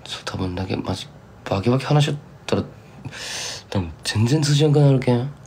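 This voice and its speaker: A man's voice: mid-range voice, lively intonation, brisk, vocal fry, warm tone, a little hiss or hum. A young man from Kumamoto chatting casually with fans on a live stream, rambling and slipping into thick Kumamoto dialect. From Kumamoto, Japan. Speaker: singer-songwriter streaming live.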